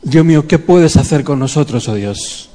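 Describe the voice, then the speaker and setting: A man's voice: a little high, lively intonation, normal speed, dark tone. Fervent male preacher in a reverberant hall. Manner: fervent, pleading, calls on the congregation. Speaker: preacher leading prayer. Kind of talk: prayer and sermon in church.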